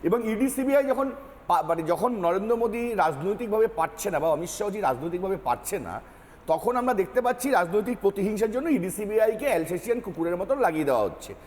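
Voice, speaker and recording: A male party spokesman with a high voice argues in a heated televised debate. He is defiant and insistent and repeats his points over the anchor. A long reverb hangs on his voice. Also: lively intonation, fast talker, darkish tone.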